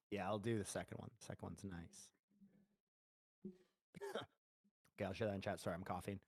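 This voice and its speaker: A man's voice: low voice, fairly even intonation, very fast, creaky, few pauses, darkish tone, breathy edge, no room sound. A man, a game studio founder, answering community questions in a loose, rambling livestream chat full of fillers and restarts. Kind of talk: casual livestream Q&A.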